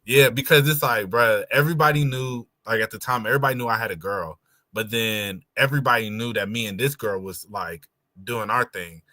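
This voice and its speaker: Male co-host, casual anecdotes, bright dry voice, filler-heavy. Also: medium pitch, fairly quick, dry recording. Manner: loose storytelling, many fillers. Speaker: podcast co-host. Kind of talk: casual chat.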